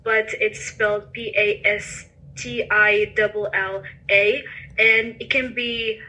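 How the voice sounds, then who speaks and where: A woman's voice: mid-range voice, flat delivery, slow pace, pushed and bright, low-quality recording. A woman from Morocco with a Moroccan accent, answering conversationally as a podcast guest and explaining things step by step. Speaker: international student, podcast guest.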